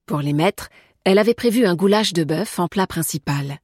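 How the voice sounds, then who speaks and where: A woman with a somewhat low, husky voice reads a novel aloud in a measured, even way. The recording is dry and close with no room sound. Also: no echo. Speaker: audiobook narrator. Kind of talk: scripted narration.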